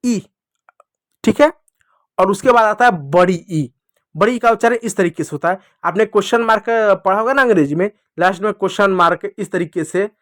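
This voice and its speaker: Man, high voice, dry close sound, patient children's teacher, repeats slowly. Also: fairly bright tone, no echo. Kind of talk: Hindi lesson for children.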